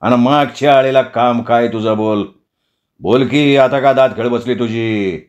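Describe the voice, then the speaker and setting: A man's voice: mid-range voice, lively intonation, a little slow, highs cut off. A man voicing a hot-headed, dim village wrestler who threatens and bullies. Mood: menacing. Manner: gruff, bullying.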